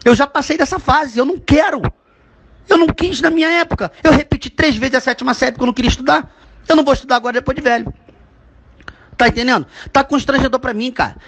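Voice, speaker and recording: A man's voice: extremely high pitch, fairly even intonation, racing, creaky, a bit bright, full character voice. A man dubbing a fed-up ranting dad. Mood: exasperated rant. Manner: ranting, crude, keeps asking "you understand?". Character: fed-up middle-aged father ranting, crude, exasperated. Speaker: comedy voice dubber. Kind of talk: comedic dub of a voice message.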